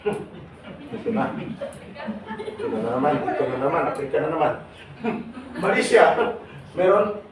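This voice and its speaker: A man leading a seminar for overseas workers, teasing and questioning the audience in a lively way. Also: fairly high pitch, measured pace, pauses often, a crowd in the background. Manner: teasing, jokey, calls on audience members. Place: large hall with audience. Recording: echoey hall, voice from far off, noisy.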